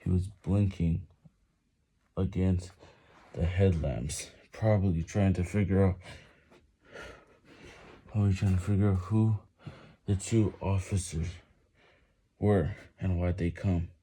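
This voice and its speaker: A man reads a story aloud in the middle of push-ups, in a low, very dark voice. The delivery is slow and effortful, with sighs, halting phrases and repeated words. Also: steady tone, slightly rough. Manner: strained reading while doing push-ups, breaking off and repeating words. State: exerting himself, sighing between phrases. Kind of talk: reading a novel aloud.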